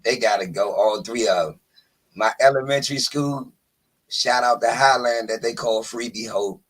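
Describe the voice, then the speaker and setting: A man's voice: mid-range voice, normal speed, breathy edge. A man, a laid-back guest talking over a video call. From Washington, DC.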